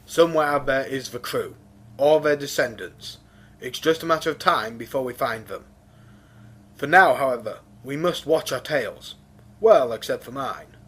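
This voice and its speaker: A man playing an earnest, resolute rabbit starship captain with light wry humor, speaking in measured commands in an audio space opera. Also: medium pitch, animated, fairly bright tone, husky. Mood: firm, wry.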